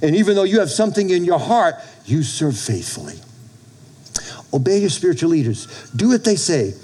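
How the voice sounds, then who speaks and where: A man's voice: fairly high pitch, very animated, moderate pace, mellow, slightly rough. A middle-aged man preaching a conversational church sermon as a pastor, folksy and emphatic, repeating phrases and prompting listeners for amens.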